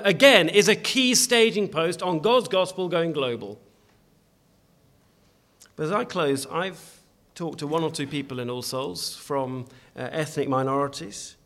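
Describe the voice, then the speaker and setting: Preaching to his congregation, a man with a fairly high, fairly bright voice speaks earnestly and with emphasis. He keeps restarting his phrases as he urges them on during the church sermon.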